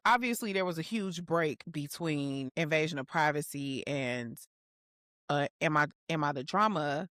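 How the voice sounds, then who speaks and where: A woman's voice: low voice, a little slow, dry recording, clean studio sound. A woman co-hosting a casual podcast, chatting playfully and animatedly, often breaking into quoted lines. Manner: animated, playful, bursts of laughter and rapped quotes. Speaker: podcast co-host. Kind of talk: casual chat.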